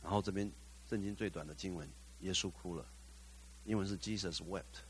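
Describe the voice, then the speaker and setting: A man's voice: sits low, normal speed, a little hiss or hum. A male pastor preaching a sermon, putting questions to the congregation, slipping in English phrases and rising to fervent exclamations.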